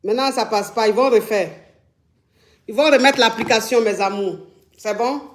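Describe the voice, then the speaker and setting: A woman's voice: on the high side, moderate pace. A woman hosting a casual live stream from a phone in Dubai, chatting and repeating herself as she promotes a product and fields calls. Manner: chatty, repeats herself, addresses viewers affectionately.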